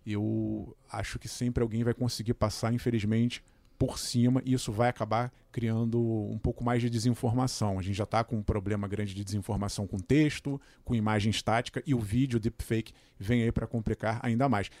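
A man's voice: lowish voice, fairly even intonation, normal speed, a little mellow, no room sound. A man co-hosting a podcast, giving thoughtful, somewhat hesitant opinions. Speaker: podcast co-host. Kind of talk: casual podcast discussion.

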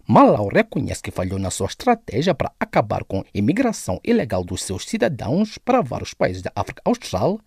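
Lively gravelly male news presenter. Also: mid-range voice, dry recording, studio quality. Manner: lively announcer delivery.

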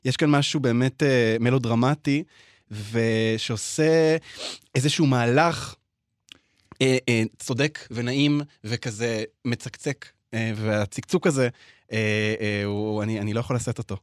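A man discusses a passage hesitantly, stopping and restarting as he looks for words. His voice has a middle pitch. It is recorded dry and close in a studio. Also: clean tone, dry recording. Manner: hesitant, many fillers and restarts. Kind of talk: casual discussion.

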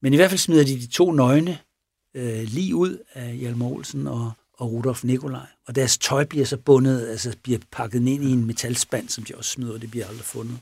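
A man's voice: medium pitch, steady tone, gravelly, darkish tone, slightly rough, no room sound. A man retelling a crime story in a casual, rambling way, with many restarts.

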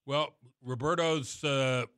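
A man hosting a casual live radio interview, talking in a loose, halting way. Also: mid-range voice, steady tone, fairly bright tone, clean tone, no room sound, studio quality. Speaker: radio show host.

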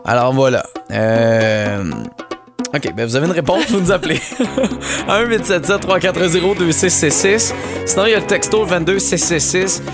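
A young man with a Quebec French accent hosts an afternoon radio game segment. His voice sits slightly high for a man, and he keeps things loose and teasing. Faint music plays underneath. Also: lively intonation, normal speed. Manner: easygoing, self-mocking, repeats phone numbers. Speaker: radio host. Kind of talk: live radio game show banter.

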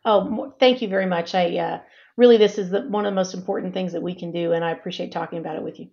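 Brief: woman exec guest, gravelly voice, dull remote audio, measured and restarting. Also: lowish voice, fairly even intonation, darkish tone. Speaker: healthcare executive guest. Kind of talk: interview answers.

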